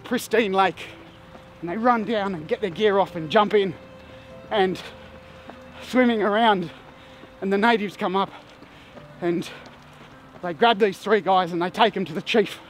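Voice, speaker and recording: A man talks straight to camera in an animated, emphatic storytelling style. His voice sits high for a man. Soft music plays faintly under him. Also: a little slow, pauses often. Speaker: vlogger. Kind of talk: casual storytelling monologue.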